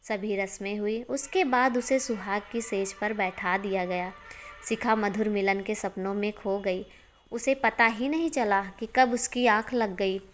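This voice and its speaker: A woman narrating a moral story in a steady, expressive storytelling manner. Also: medium pitch, measured pace, soft background music.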